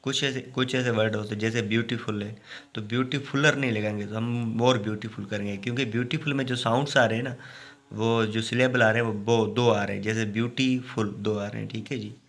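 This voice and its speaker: A man teaching a grammar lesson. He explains each rule step by step, often stops to check with "okay", and reads out example sentences slowly. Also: lowish voice, steady tone, fairly bright tone. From Pakistan.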